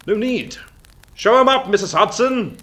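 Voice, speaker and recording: A confident detective who booms out greetings and gives orders with lively swings in pitch, as a man plays him. He sounds animated and sure of himself. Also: fairly quick, lightly acted. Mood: brisk. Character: brisk eager male detective.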